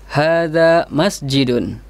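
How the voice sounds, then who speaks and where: Man, student, reading drills, unhurried, dry recording. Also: on the high side, animated, gravelly, dry recording.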